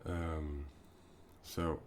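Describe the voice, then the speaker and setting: Low-voiced Danish man hosting a live stream. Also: little pitch movement. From Denmark. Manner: halting, many fillers and restarts. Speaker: spiritual live-stream host. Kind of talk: live-stream spiritual talk.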